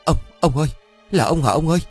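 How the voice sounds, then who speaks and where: A man voicing a distraught elderly village widow who cries out in a high, shrill, wailing way. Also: animated, fast, darkish tone, husky, faint music behind. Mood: frantic.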